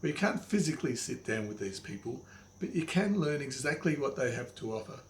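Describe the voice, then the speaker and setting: An older man speaks at a medium pitch as a wise old mentor, teaching in a motivational monologue. He is plain-spoken and emphatic, restating points firmly. The room rings with echo and there is faint noise behind him. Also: very animated, brisk. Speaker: money coach, presenter. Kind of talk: motivational instructional monologue to the viewer.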